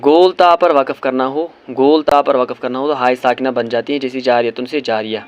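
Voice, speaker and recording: A man teaching beginners Quran reading, spelling Arabic letters and syllables one by one, then reciting the words slowly and drawn out, with patient explanations in between. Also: mid-range voice, fairly even intonation, smooth.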